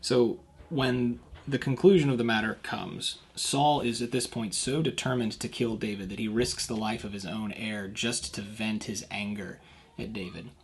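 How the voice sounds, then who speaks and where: A man's voice: on the low side, steady tone, moderate pace. A man giving a devotional talk as a youth pastor, reading the passage aloud and stopping to explain it in plain words. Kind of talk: devotional scripture reading and commentary.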